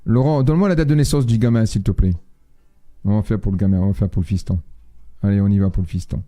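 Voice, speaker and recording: A man's voice: fairly low pitch, fast, warm tone, soft background music. A man hosting a live astrology stream, chatting casually with viewers and reading their messages in a blunt, slangy, joking way.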